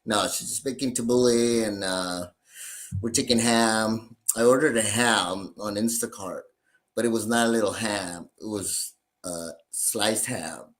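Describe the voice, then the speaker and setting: Slow-talking, joking man in casual chat. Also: on the low side, fairly bright tone. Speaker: podcast co-host.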